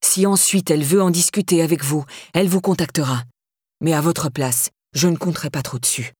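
A woman's voice: deep voice, fairly quick, a little mellow, slightly rough, dry recording, studio quality. A woman voicing an imposing, domineering man who speaks in a brusque, threatening way. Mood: menacing. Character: imposing, menacing middle-aged man, domineering.

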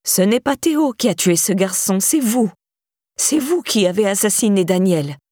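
A woman's voice: medium pitch, moderate pace, a little mellow, dry recording, studio quality, close to an everyday voice. A woman voicing an older neighbour with a firm, insistent, accusing manner. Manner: insistent, pressing.

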